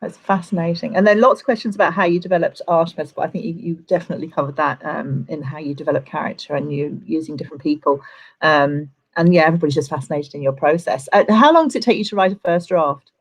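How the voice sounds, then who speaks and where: A woman hosts a casual live event in an effusive, chatty way. Her voice is low and rough-edged, and she talks quickly as she passes on questions. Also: rough recording. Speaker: event host relaying audience questions.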